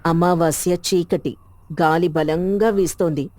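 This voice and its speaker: A woman giving steady, scripted storybook narration. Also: on the low side, unhurried, no room sound.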